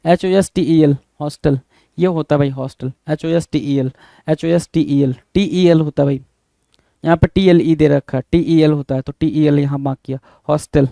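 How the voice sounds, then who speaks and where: A man's voice: fairly high pitch, gravelly, warm tone, no echo. A male English teacher giving an exam-prep spelling lesson. He repeats each word, spells it out letter by letter, and keeps calling his students "bhai.". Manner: repeats words and spells them out letter by letter, addresses viewers as "bhai".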